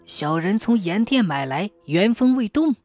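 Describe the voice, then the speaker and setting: A woman voicing a bitter, grumbling old tofu maker in his sixties, gruff and scornful. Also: high voice, big pitch swings, unhurried, a little mellow, soft background music. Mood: fearful.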